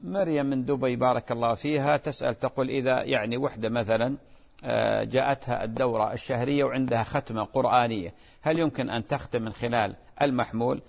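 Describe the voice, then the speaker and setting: A man's voice: medium pitch, fairly even intonation, fast talker, gravelly, long reverb tail. A man, a religious scholar patiently answering callers' questions on a call-in show. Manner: patient, reassuring, explanatory.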